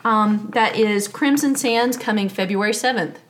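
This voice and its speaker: Relaxed woman co-hosting a board game chat. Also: medium pitch, normal speed. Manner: relaxed, with fillers. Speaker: podcast co-host.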